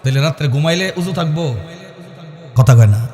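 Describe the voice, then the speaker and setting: High-voiced male preacher, chanting cadence. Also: lively intonation, moderate pace. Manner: swings between loud sing-song chanting and low conversational asides. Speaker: Islamic preacher. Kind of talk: melodic sermon at a religious gathering. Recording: reverberant PA sound with faint music.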